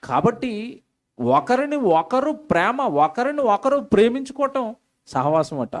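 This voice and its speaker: A man's voice: very high voice, very animated, unhurried. A man pastor preaching a sermon, emphatic, repeating words and asking the congregation questions. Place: church meeting.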